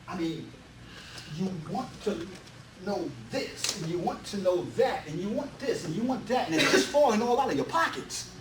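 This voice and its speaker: A real estate seminar presenter with a high-pitched, expressive voice speaks at a moderate pace, hammering his motivational points with repetition and rhetorical questions. He is in an indoor meetup presentation room, and the recording sounds distant and echoey with some faint background noise.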